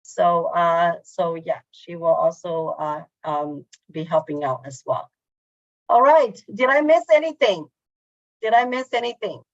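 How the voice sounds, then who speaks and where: Halting woman hosting a video call. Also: fairly low pitch, animated, dry recording. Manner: halting, with frequent fillers. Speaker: meeting host. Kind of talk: casual online meeting talk. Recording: dull lo-fi call audio.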